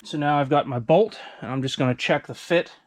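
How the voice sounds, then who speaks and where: A man's voice: fairly high pitch, fairly quick. A middle-aged man giving casual, unscripted commentary as he works, thinking aloud in a small workshop. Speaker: host, hobby machinist. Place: small indoor wood-panelled workshop. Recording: clear machine and workshop noise.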